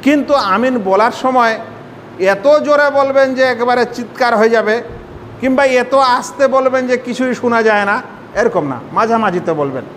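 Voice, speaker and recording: A man's voice: moderate pace, a bit bright. A man, an Islamic scholar, gives a sermon-style lesson on how to pray, explaining each step and putting rhetorical questions to his listeners. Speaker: Islamic scholar teaching prayer. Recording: hall reverb, faint rumble.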